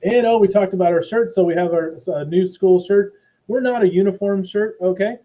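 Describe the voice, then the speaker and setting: A man giving a casual, chatty school presentation to parents from his office. His audio is robotic and garbled, like a low sample rate, and he uses many fillers and restarts. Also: a little fast, dark tone, dull audio. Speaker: school principal. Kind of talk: live online presentation to parents. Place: hot indoor office.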